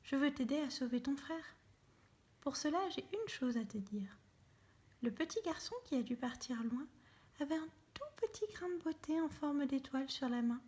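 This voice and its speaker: A woman reading a storybook aloud, voicing a kindly old great-grandfather squirrel who gives gentle advice. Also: high-pitched, normal speed, lightly acted.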